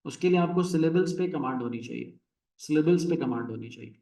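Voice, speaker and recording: A man's voice: a little high, fairly quick, warm tone, far from the mic. Male teacher in an echoey classroom. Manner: counts out stresses and syllables aloud, mixing English into explanations. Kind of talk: classroom lecture.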